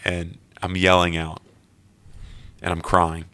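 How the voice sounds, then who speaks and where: A man telling his own personal story in an earnest, animated way during an interview. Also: low voice, slow. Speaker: guest.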